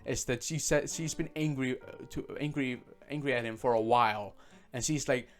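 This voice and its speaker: A man's voice: mid-range voice, fairly even intonation, moderate pace, faint music behind. A man giving a casual, sarcastic game review full of swearing and fillers. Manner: sarcastic, profane, many fillers.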